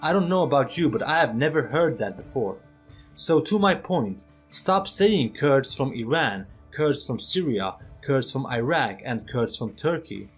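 A man of middle pitch makes an earnest, persuasive case as the host of an online opinion video, turning to speak directly to his viewers. His voice-over sits over soft background music. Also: animated, measured pace, slightly rough. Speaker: channel host.

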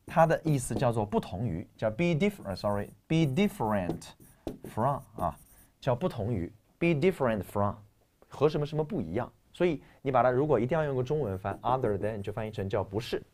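A man teaching English vocabulary in a recorded lecture, lively and emphatic, dropping into soft asides as he explains words. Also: mid-range voice, fairly quick, slight background noise.

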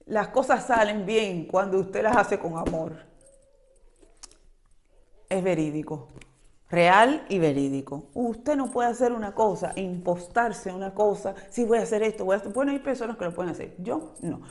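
A talkative woman speaks her thoughts aloud in a casual video blog. Her voice sits in a middle register, loud and animated, and she rambles from one point to the next with sudden swings in volume. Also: mid-range voice. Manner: lively, talkative, rambling, quick changes of loudness; speaks very loudly by her own account. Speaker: vlogger. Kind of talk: casual reflective monologue to camera.

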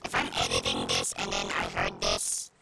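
A man talking casually and nervously through a voice changer that distorts him into a very deep, gravelly electronic voice. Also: huge pitch swings, normal speed, pushed and bright, soft background music, heavily acted. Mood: unsure. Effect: voice changer, pitched far down. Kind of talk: casual vlog talk.

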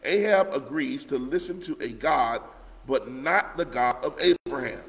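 A man's voice: mid-range voice, lively intonation, a little slow, fairly bright tone, in a large hall, poor audio. A man teaching a Sunday school lesson who walks through scripture and often checks in with "okay?". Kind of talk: Bible lesson with scripture reading. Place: church.

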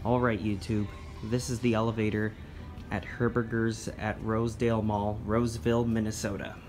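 A man with a somewhat low voice narrates slowly and eagerly as he films an elevator in a big department store. His phone picks him up with loud music playing in the background. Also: little pitch movement. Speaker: elevator video vlogger. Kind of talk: handheld walkthrough narration. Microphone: phone camera held in hand.

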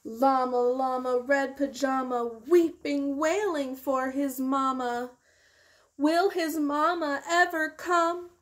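This young adult teacher's voice is high with fairly even intonation as she reads a picture book to children at storytime. Her delivery is expressive, slow and deliberate, with key words stretched out and the story explained simply.

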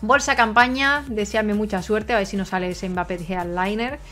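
A young woman from Spain with a Spanish accent, giving chatty gameplay commentary straight to her viewers and breaking into excited shrieks. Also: mid-range voice, normal speed, faint music behind. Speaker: gaming streamer.

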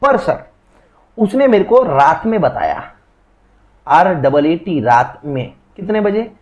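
A man's voice: a little high, sing-song, slow, darkish tone, muffled recording. A young man teaching law in a casual classroom lecture, explaining through chatty, jokey stories.

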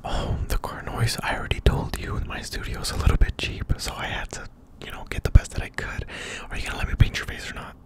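Whispering young man, tingly ASMR role-play. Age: young adult. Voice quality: breathy, unvoiced whisper. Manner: playful, halting, repeating phrases. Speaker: ASMR video host. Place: small home studio room. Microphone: close desk microphone at the lips.

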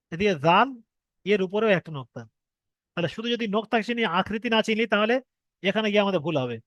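Patient high-voiced male Quran teacher. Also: fairly bright tone, dry recording, highs cut off. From Bengal. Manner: patient, repeats each point, asks students if they understood; draws out letter sounds slowly as examples. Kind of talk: online Arabic letters lesson.

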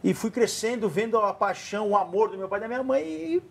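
A man's voice: high voice, animated, fast talker, vocal fry, slightly rough. A man in his forties with a São Paulo accent, a studio guest chatting casually and giving earnest advice to children. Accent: São Paulo Portuguese. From Brazil. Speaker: studio guest, former goalkeeper.

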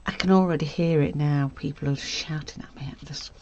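A woman hosting a casual stitching tutorial, chatty and self-correcting, often dropping to a soft murmur as she works. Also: low voice, fairly even intonation, fairly quick, highs cut off. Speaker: sewing tutorial host.

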